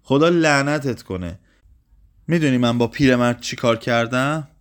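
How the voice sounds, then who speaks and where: A man reading a story aloud and voicing a distraught, confused elderly woman who shouts and pleads in a strained voice. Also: mid-range voice, smooth, lightly acted. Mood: angry.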